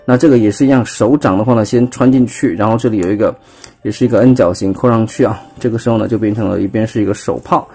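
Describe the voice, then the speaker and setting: Speaking fast in a fairly low, dark voice, this man with a Taiwanese Mandarin accent walks through transforming a toy step by step. The casual hands-on review was filmed on a phone at a table indoors, and his explanation is full of fillers as he points out each part.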